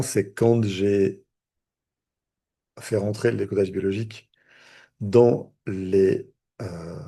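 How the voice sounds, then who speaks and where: A man's voice: fairly low pitch, creaky, mellow, slightly rough. A man, a therapist, teaching a live online lesson in a conversational way, with many fillers and restarts. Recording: video call audio.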